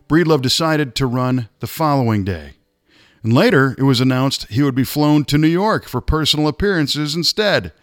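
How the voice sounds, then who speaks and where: A man's voice: mid-range voice, fairly bright tone, no echo. Man narrating a true story. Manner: measured, dramatic reading. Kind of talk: scripted nonfiction narration.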